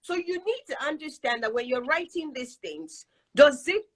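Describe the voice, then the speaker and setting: A woman hosts a casual online advice chat. Her voice is high and swings widely in pitch. She makes each point with a simple everyday example. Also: animated, normal speed. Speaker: host.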